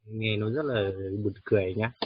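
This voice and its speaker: A man's voice: on the low side, steady tone, breathy edge, no room sound. Patient male English tutor, dull recording. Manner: patient, coaxing, repeats words slowly to model pronunciation. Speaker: English teacher. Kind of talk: one-on-one English lesson for a child.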